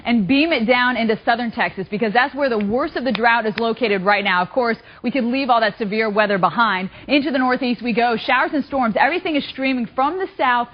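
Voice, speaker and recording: A woman's voice: on the high side, brisk, hardly any pauses. A woman giving a cheerful, chatty weather forecast on a morning TV show, joking with the host. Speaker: meteorologist co-host. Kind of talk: bubbly weather forecast with banter. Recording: dull lo-fi TV broadcast audio.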